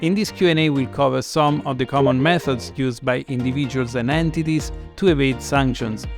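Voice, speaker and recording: A man's voice: medium pitch, fairly quick, music in the background. A man hosting an interview over a video call, polite and hesitant, with many fillers. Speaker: host.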